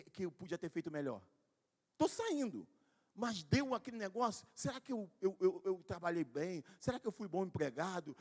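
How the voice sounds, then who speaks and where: A man preaching a live church sermon, telling personal stories in a conversational way and calling listeners by name, building up to shouted emphasis. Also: high voice. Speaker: pastor. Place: church service hall. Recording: long hall reverb, live-streamed service.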